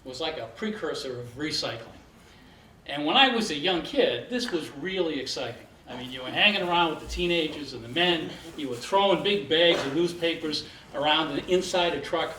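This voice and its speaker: A man of about sixty tells a childhood story in a plain, measured voice, pitched a little high for a man. He sounds distant in a roomy space, with faint noise behind. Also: lively intonation, pushed and bright. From Boston area. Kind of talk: live storytelling. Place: theater stage before an audience.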